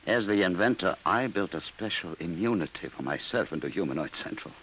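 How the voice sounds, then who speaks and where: A man's voice: low voice, expressive, a little fast, a bit bright, husky, heavily acted, rough recording. An actor playing a remorseful, weary male inventor in a 1950s radio drama, heard on an old radio recording. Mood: grave. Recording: hissy old radio broadcast.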